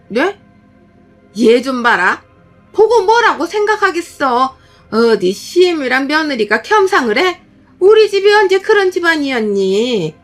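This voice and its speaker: A woman's voice: high voice, voice pushed up. A woman voicing a domineering middle-aged mother-in-law who scolds and screeches with contempt. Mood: scolding.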